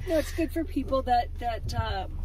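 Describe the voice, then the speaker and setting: A woman's voice: fairly high pitch, expressive, moderate pace, recorded from a distance. A middle-aged woman chatting casually, explaining herself in an earnest, hesitant way. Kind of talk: casual chat. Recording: very noisy car and street, off mic.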